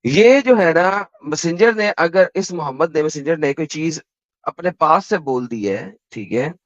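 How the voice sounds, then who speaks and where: A man with an Indian Hindi accent, hosting a heated online debate and pressing his points with rapid-fire verse references. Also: on the high side, lively intonation, dry recording. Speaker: debate host. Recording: dull, dry call audio.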